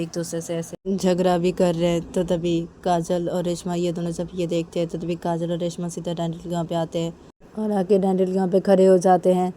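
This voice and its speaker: A woman's voice: fairly low pitch, warm tone, slight background noise. A woman narrating a romance story casually, linking scenes with repeated "then" phrases. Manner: repetitive linking with "तो तभी".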